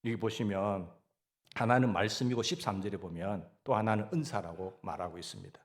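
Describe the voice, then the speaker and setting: A man's voice: lowish voice, a little fast. A man with a Gyeongsang Korean accent preaching a sermon as pastor, asking the congregation questions and answering them himself.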